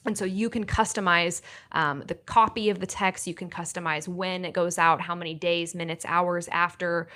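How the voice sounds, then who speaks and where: A woman's voice: on the low side, fairly even intonation, moderate pace, few pauses, fairly bright tone. A woman guest on a podcast, explaining tools and methods in a practical, upbeat way. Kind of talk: casual podcast interview.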